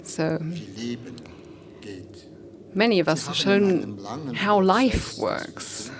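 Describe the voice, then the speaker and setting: Woman telling a slow, pausing parable. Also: mid-range voice, very animated, a crowd in the background. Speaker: speaker on fasting. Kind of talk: storytelling talk.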